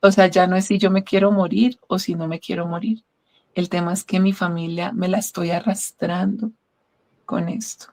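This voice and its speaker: A woman's voice: fairly low pitch, fairly even intonation, normal speed, warm tone. Middle-aged woman, reflective and earnest interview testimony. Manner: earnest, reflective, often asks "¿sí?". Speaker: guest sharing a testimony.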